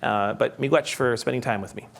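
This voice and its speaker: A man's voice: mid-range voice, brisk, creaky, heavy background noise. Man telling stories to a crowd. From Canada. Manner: conversational, asks the audience, animated when telling stories. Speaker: guest speaker. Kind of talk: public talk with storytelling. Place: conference hall.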